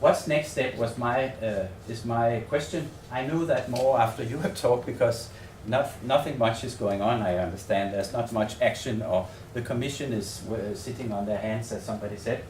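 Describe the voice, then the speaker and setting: A Danish-accented man from Denmark presents research in a hotel seminar room in a semi-improvised conference talk, using a voice of average male pitch with a darkish tone. His speech is halting and tentative, full of repeated words as he works out what to say. The distant recording captures an echoey room and faint noise.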